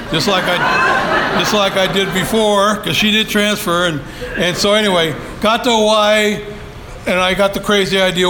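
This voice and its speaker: An older man's high, pushed, bright voice carries a little hiss or hum as he gives a personal share at a support group. He rambles folksily with lots of fillers, speaking into a handheld mic in a meeting room.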